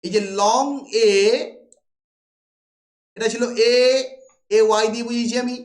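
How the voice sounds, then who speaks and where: A man with a high-pitched voice gives a classroom lecture. He poses rhetorical questions and answers them himself. The sound rings around a roomy, echoey space. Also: little pitch movement, measured pace. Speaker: teacher. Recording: roomy echo.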